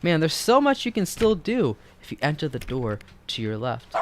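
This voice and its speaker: A man's voice: fairly high pitch, big pitch swings, moderate pace. A young man playing a video game, goofy and talking back to the game's narrator, laughing often. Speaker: gaming YouTuber. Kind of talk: casual let's-play commentary.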